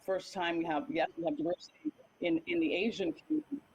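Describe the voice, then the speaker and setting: A woman's voice: on the low side, big pitch swings, quick pace, a little mellow, slightly rough, highs cut off. A woman on a panel, speaking emphatically over a video call whose audio keeps cutting out, so her volume is uneven. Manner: emphatic, repeats points. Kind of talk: online panel discussion.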